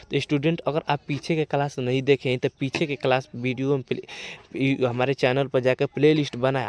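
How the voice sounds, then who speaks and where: A man teaching English reading, addressing his students and spelling each word out letter by letter before saying it. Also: medium pitch. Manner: spells words out letter by letter, slowly and loudly; addresses viewers as students, frequent "theek hai". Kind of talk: online reading lesson.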